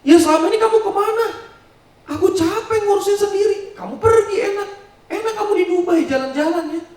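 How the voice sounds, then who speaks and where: An angry, defensive husband, played by a preacher shouts back with mocking blame, his voice pushed very high and loud. The yelling echoes around a large church hall, heard from some distance. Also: normal speed.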